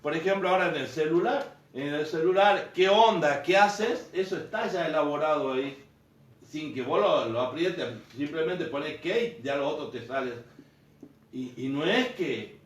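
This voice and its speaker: A priest with a fairly high voice, teaching a group in a relaxed, conversational way. He acts out the dialogue in his stories. The mic sits well away from him, and the room rings with echo. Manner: storytelling, acting out quoted dialogue. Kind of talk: informal teaching talk to a group. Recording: echoey room, mic far off.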